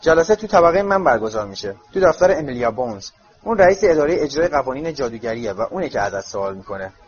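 A man's voice: medium pitch, big pitch swings, highs cut off, close to an everyday voice. A man voicing a kind, encouraging middle-aged wizard father in a storybook reading.

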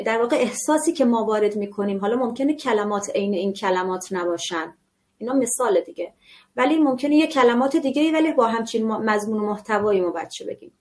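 A woman teaches parents in a live online session, her voice sitting a little high. She speaks in a chatty, earnest way and keeps asking her listeners whether things sound familiar. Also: a little mellow. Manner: conversational, asks listeners rhetorical questions. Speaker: parenting instructor.

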